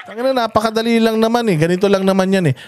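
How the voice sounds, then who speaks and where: A man's voice: sits high, rapid-fire, noisy background. A Filipino man hosting a political commentary vlog, ranting in a mocking, scornful tone and laughing often.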